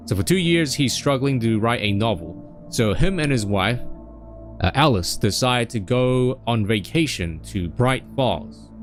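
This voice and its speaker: Rambling young man recapping a story. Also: lowish voice. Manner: rambling, with frequent fillers and acted-out voices. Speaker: streamer.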